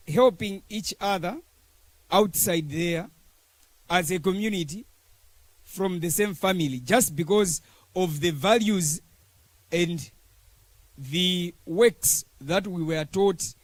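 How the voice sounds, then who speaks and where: A speaker with a Malawian accent delivering a formal speech as an alumni representative, in short measured phrases. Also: medium pitch, no room sound.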